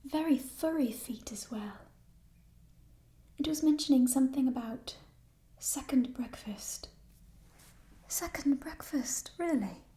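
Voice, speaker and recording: A woman in a whispered role-play as a playful, chatty thief, musing hesitantly in a burglar's hushed whisper over stolen treasure. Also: sits high, expressive, slow pace, pauses often. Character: playful, chatty female thief showing off stolen coins in a fantasy world.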